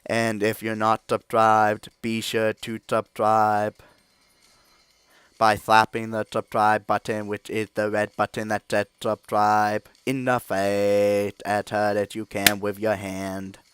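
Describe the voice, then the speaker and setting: A man putting on a slow, stiff robot voice for an end-of-video sign-off bit. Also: on the low side, monotone, fairly bright tone, clean tone, dry recording. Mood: mechanical. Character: slow stiff male robot, imitation of a game character.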